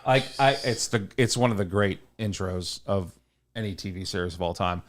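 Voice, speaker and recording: A man's voice: sits low, normal speed. A man co-hosting a casual sports podcast, talking at length and teasing his co-host. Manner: talkative, rambling, teasing.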